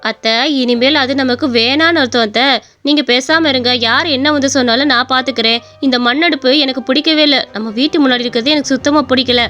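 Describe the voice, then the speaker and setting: A woman's voice: high voice, fast talker, sharp tone, soft background music. A woman voicing a headstrong young daughter-in-law in a cartoon story, bossy and dismissive.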